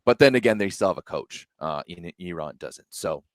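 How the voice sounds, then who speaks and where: A man's voice: low voice, animated, normal speed, no echo. A young man co-hosting a casual sports podcast, chatty and slangy, with lots of fillers and repeats. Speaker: podcast co-host.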